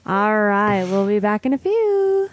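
A woman's voice: mid-range voice, very animated, a little slow, no echo, muffled recording. A woman co-hosting a podcast in casual chat with a dry, teasing manner. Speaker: podcast co-host.

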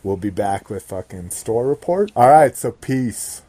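Low, mellow man chatting casually. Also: sing-song, measured pace, no echo. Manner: rambling, sweary. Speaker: podcast host. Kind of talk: casual hobby chat.

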